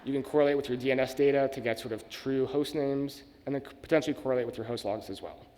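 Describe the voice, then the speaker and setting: A man's voice: mid-range voice, darkish tone. A man giving a technical conference talk and answering questions, speaking casually with many "like"s. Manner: casual, quick, uses "like" and "sort of" often. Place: conference hall. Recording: reverberant conference hall.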